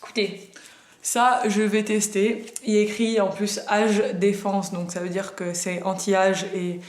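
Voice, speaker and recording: A woman's voice: medium pitch, little pitch movement, a little slow, a little mellow, echoey room. A woman in her twenties chatting casually through a beauty box unboxing, hesitant with frequent fillers and self-mocking jokes. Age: 20s. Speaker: beauty vlogger.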